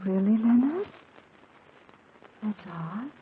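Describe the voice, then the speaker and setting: Coy, willful possessed wife. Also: female voice, a little high, lively intonation, slow pace. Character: young wife possessed by her scheming sister. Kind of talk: 1940s radio acting. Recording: tinny old radio broadcast, faint hiss.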